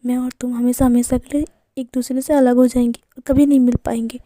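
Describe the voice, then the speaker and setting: A woman voicing a gently teasing young man. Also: high-pitched, little pitch movement, fairly quick, no echo, clean studio sound, natural voice. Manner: teasing, coaxing, soft.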